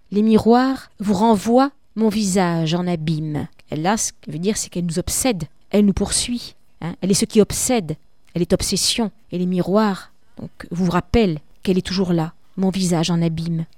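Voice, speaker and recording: A woman's voice: lowish voice, fairly quick, darkish tone, no room sound, clean studio sound. A woman teaching a poetry analysis lesson, talking in a reflective way, restarting phrases and often adding a tag question. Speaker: literature teacher.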